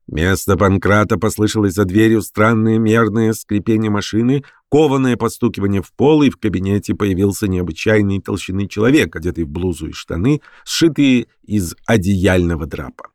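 A man's voice: lowish voice, moderate pace, hardly any pauses, darkish tone, no room sound, studio quality. A man narrating an audiobook in a vivid, theatrical reading. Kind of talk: expressive literary narration.

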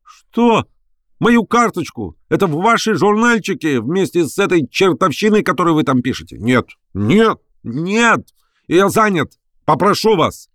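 A man's voice: high-pitched, sing-song, a little slow, few pauses, no echo, clean studio sound, pitched above the performer's own voice. A man voicing an irascible elderly professor who shrieks and howls in hysterical outbursts. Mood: indignant. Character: irascible elderly male professor, shrill and explosive.

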